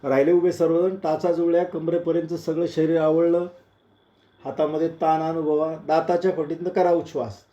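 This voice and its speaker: A somewhat high, mellow male voice slowly counts out breaths and gives posture cues as an instructor. He sounds like he is on a video call, with a roomy echo and dull, lo-fi audio. His voice grows softer when he guides the class to rest. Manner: slow, counting cues, voice dropping soft and low when calming.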